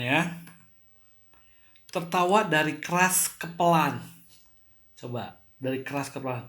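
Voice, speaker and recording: A man teaching a school music lesson, explaining slowly and clearly, now and then acting out the sounds he describes. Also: mid-range voice, fairly bright tone, echoey room. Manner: slow, clear explaining with playful sound demonstrations.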